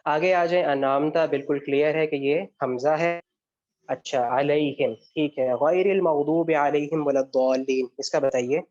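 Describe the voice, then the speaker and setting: Man, fairly high voice, grammar lecture, explains step by step, dull lo-fi recording. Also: steady tone, hardly any pauses, darkish tone. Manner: explains step by step, asks and answers his own questions. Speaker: Arabic grammar teacher. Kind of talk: online lecture with student questions. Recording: dull lo-fi sound.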